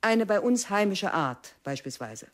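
Eine Schauspielerin spricht in einem Hörspiel eine strenge, trockene Biologielehrerin in ihren Fünfzigern, die belehrend und mit Kunstpausen doziert. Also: female voice, medium pitch, big pitch swings. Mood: lecturing. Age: 50s. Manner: measured, lecturing, with theatrical pauses. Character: strict, dry female biology teacher in her fifties. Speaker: teacher. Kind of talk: radio drama acting.

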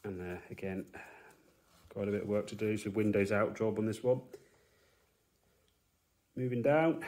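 An Englishman in his forties, a car restorer who hosts his own channel, films a walkaround of an old car inside a garage workshop. His commentary is matter-of-fact, laced with dry, understated remarks, and his voice sits on the low side.

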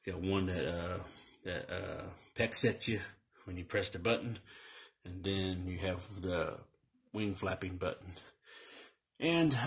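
A man with a very low voice talks through a toy unboxing at home. He rambles easily, filling pauses with "uh" and "um" and restarting his sentences. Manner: relaxed, rambling, many fillers and restarts. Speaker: toy reviewer. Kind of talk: casual unboxing review.

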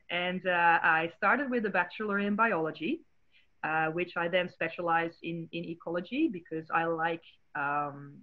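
A Dutch-accented woman from the Netherlands, a marine biologist, walks through her slides on a video call, friendly and explanatory and full of fillers. Her voice runs on the low side, and the audio is tinny, like a phone call.

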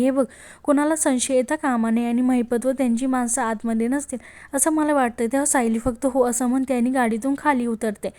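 Woman narrating a serial recap, mellow. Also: fairly high pitch. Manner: storytelling, quotes each character's lines in the same voice. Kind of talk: voice-over episode recap, retelling dialogue.

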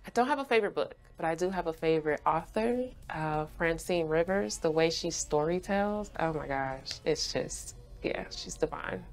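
A woman's voice: low voice, normal speed, few pauses, faint music behind. A young woman from Haiti who grew up in Florida, answering interview questions in a bubbly way and laughing often, seated in an indoor studio. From Haiti, raised in Florida. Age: young adult. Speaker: guest, brand ambassador.

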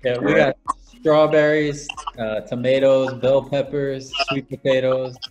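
A man's voice: medium pitch, level tone, measured pace, highs cut off, noisy background. A man, a pro soccer forward, hosting a casual roundtable and asking his teammates questions. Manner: easygoing, leads with questions, many fillers. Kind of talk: casual video-call chat.

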